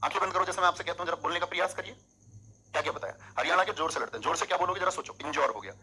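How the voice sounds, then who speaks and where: A man teaching an exam coaching class in a lively way, coaxing students with memory tricks. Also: on the high side, racing, slightly rough, rough recording.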